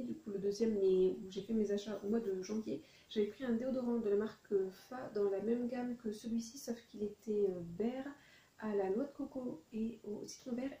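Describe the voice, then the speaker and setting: A woman's voice: a little high, warm tone, echoey room, muffled recording. A woman vlogger chatting casually about a shopping haul, rambling and correcting herself as she goes. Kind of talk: casual chat.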